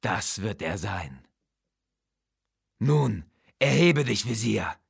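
Brief: an audiobook necromancer king, read by a man, cold and arrogant, slow deliberate delivery with a gravelly edge. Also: fairly low pitch, expressive, no echo, studio quality, heavily acted. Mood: cold, commanding. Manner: slow, commanding, hissing menace.

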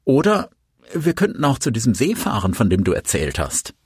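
A man reading an audiobook, voicing an uncertain, pleading woman in a raised, husky voice. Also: medium pitch, huge pitch swings, moderate pace, darkish tone, no echo, clean studio sound, heavily acted. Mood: coaxing.

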